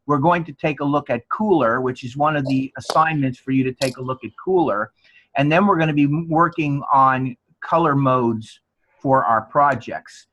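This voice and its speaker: A college instructor from New Jersey, with the accent to match, teaches an informal online class in a chatty, encouraging manner. His mid-range voice is a bit bright and moderately paced. The online class call audio is dull and band-limited, with slight background noise.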